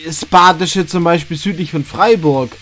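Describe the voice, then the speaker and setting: A man's voice: fairly high pitch, normal speed, fairly bright tone. A man from the West Palatinate, chatting casually on a live stream and repeating words while he searches for them. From West Palatinate, Germany. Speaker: streamer host.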